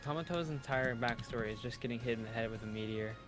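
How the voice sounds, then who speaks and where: A man's voice: medium pitch, fast, soft background music. A man playing in a tabletop game, making dry, matter-of-fact remarks over an online call. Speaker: player. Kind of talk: casual tabletop game chat.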